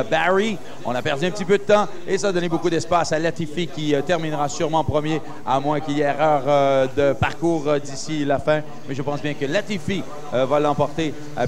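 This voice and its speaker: Higher-pitched man commentating live over crowd noise. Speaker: motorsport race commentator.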